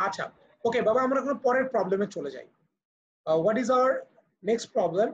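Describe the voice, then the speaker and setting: Over muffled, lo-fi video call audio, a man with a Bangladeshi accent leads a live online physics class. His voice sits high and he's animated at a moderate pace, patiently working through things step by step and using English for technical terms.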